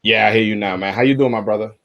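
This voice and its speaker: A man's voice: on the low side, steady tone, rapid-fire, vocal fry, muffled recording. A man hosting a casual boxing interview livestream, talking loosely with frequent repeats and restarts.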